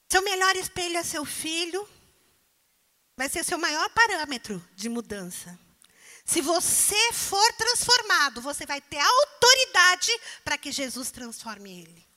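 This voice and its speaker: A woman's voice: sits high, pushed and bright. A woman preacher delivering a sermon, pressing the congregation with emphatic rhetorical questions.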